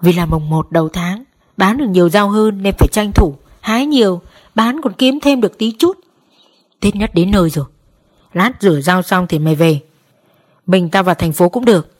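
A woman voicing a gruff older farmer who lectures his son, in a spoken story. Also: medium pitch, normal speed, close to an everyday voice. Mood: explaining. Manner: scolding, lecturing. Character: gruff older male vegetable farmer, scolding father.

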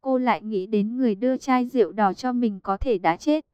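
A woman reading a romance novel aloud as an audiobook narrator, in an even, measured way, keeping her own voice for the quoted lines. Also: fairly high pitch, clean tone, dry recording, highs cut off.

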